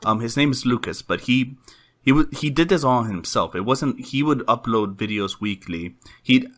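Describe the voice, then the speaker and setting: A man's voice: medium pitch, lively intonation, moderate pace. A young man hosting a casual podcast chat, rambling with lots of "like" and "um". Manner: rambling, heavy use of "like" and "um". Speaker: podcast host.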